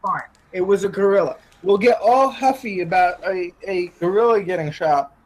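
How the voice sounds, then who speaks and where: A man's voice: high-pitched, normal speed, poor audio. A man in his twenties co-hosting a casual podcast, blunt and ranting about what bugs him. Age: 20s. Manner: blunt, ranting, says "freaking". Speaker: podcast co-host. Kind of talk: casual chat. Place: home, on a call.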